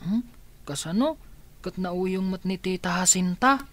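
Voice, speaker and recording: A woman's voice: lowish voice, a little slow, no echo, close to an everyday voice. A woman acting in a radio drama as a hesitant, polite orphaned child. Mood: timid. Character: orphaned child of the De Cortez family, timid.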